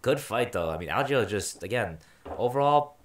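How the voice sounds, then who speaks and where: Brief: low-pitched man, rapid rambling chat, echoey room. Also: crowd noise. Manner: rambling, swearing, animated. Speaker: podcast co-host. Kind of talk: casual chat. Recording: roomy echo.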